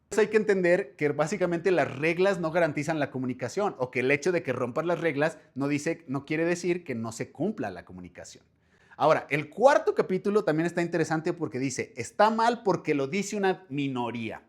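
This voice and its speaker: A man with a Mexican accent, a language teacher chatting casually about a book to his viewers, animated and slangy, with frequent rhetorical questions. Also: fairly high pitch, fairly quick. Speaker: language teacher and bookshop channel host. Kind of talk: casual book review to camera.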